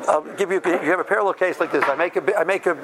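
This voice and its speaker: A man's voice: high-pitched, racing, a crowd in the background, rough recording. A man teaches religious law. His delivery is informal, working through homely examples and tossing in short rhetorical questions as he goes. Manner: talks through everyday examples with rhetorical checks. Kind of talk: informal spoken lesson.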